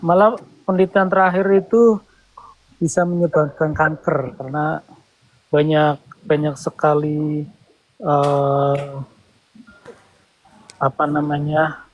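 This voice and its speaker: A man in a casual live-stream discussion who asks quick, probing questions. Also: on the high side, steady tone, dry recording, highs cut off.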